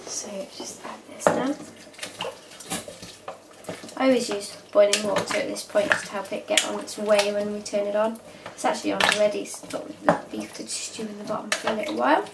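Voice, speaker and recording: A woman's voice: mid-range voice, flat delivery, brisk, creaky. A woman in her thirties chatting casually as she cooks in her home kitchen. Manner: chatty, talks while working. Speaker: cooking vlogger. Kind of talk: casual cooking demonstration. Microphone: camera mic from across the room. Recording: echoey kitchen, distant mic, noisy. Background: clatter of pots and cutlery.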